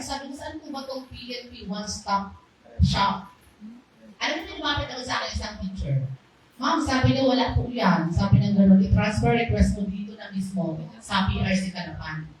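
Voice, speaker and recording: Woman with a loud, lively voice sharing a church testimony, a touch high, heard from a distance. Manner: loud, lively, animated storytelling. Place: small church hall. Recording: very echoey hall, voice far off, faint background noise.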